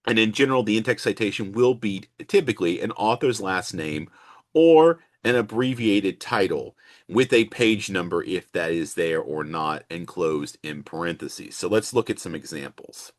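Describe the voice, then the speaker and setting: Lowish-voiced man teaching, dry recording. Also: moderate pace, no echo. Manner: explanatory, emphasizes and restates key points. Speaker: instructor. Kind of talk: instructional screen walkthrough lecture.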